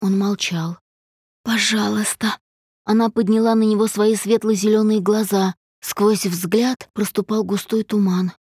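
Woman narrator, calm, even, intimate, mid pitch, dry close mic. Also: moderate pace, few pauses, slightly rough, no echo. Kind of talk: audiobook narration.

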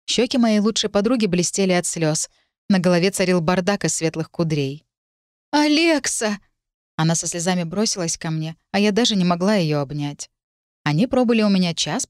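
Low-voiced woman reading a fantasy audiobook. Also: no echo, clean studio sound. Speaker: audiobook narrator. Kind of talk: first-person fantasy audiobook narration.

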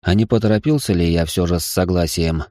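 A man's voice: low voice, brisk, dark tone, dry recording. A man narrating a first-person audiobook with a dry, wry delivery.

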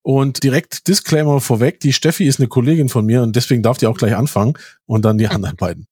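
A man's voice: medium pitch, fast talker, dark tone, husky, no echo. A man hosting a podcast interview from a studio, moderating in an upbeat, informal way. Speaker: podcast host.

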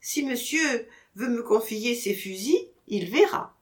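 A woman voicing a meek young manservant, soft and lower-pitched. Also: animated, slow pace. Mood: eager. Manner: humble, deferential replies. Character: young male servant, meek and eager. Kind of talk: audiobook character reading.

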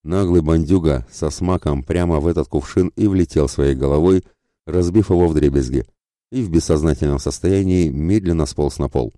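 A man narrating an adventure audiobook in a steady, measured storytelling manner. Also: very deep voice, no room sound, clean studio sound. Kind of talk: scripted narration.

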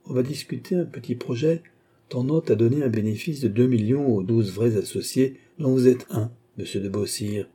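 A cool, mocking masked nobleman who wins every exchange with polite barbs, as a man reads him aloud. The voice is very dark and a little husky. He stays calm and amused, never raising his guard. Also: mid-range voice, moderate pace, lightly acted. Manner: smooth, ironic, polite needling. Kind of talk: audiobook character reading.

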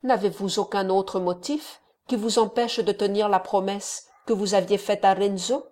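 A woman voicing an elderly kindly male friar who gives gentle, fatherly counsel. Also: medium pitch, steady tone, moderate pace, natural voice.

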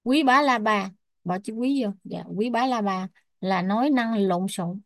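Một người phụ nữ đang giảng bài, đọc chậm từng thuật ngữ, đánh vần rồi giải nghĩa như cho học viên chép. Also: female voice, medium pitch, no echo, clean studio sound. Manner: spells out Pali terms and glosses them slowly. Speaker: Buddhist Abhidhamma teacher. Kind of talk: slow dictation-style teaching.

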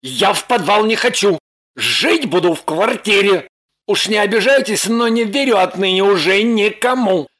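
A man's voice: high voice, a bit bright, full character voice. A man voicing a pushy, demanding man on the run in an audiobook, blunt and insistent. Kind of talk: audiobook character voice.

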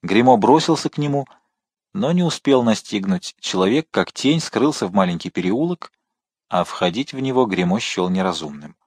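A man reading a classic novel aloud as an audiobook narrator, in even, unhurried storytelling. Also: fairly low pitch, slightly rough, no echo, clean studio sound. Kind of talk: scripted narration.

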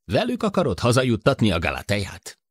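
A man reading an audiobook voices an impatient, excited spaceship crew member giving orders. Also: mid-range voice, husky, no echo, studio quality, voice pushed up. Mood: sarcastic. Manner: commanding, eager exclamations.

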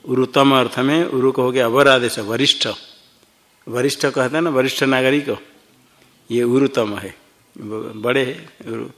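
A man's voice: medium pitch, steady tone, unhurried, long pauses, a bit bright. A man teaching a classroom Sanskrit grammar lesson, explaining each form step by step and quizzing his students as he goes. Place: ashram classroom.

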